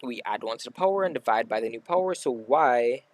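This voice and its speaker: A man's voice: medium pitch, expressive, fairly quick, no room sound. A man tutoring maths, talking casually through a worked example step by step and correcting himself as he goes. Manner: talks through steps aloud, self-correcting. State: hiccuping.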